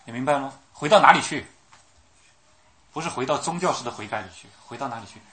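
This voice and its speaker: A man's voice: mid-range voice, expressive, fast, bright, forceful tone. A man preaching a sermon. He keeps asking his listeners questions and acts out the voices of the people he quotes. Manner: asks the audience questions, repeats himself.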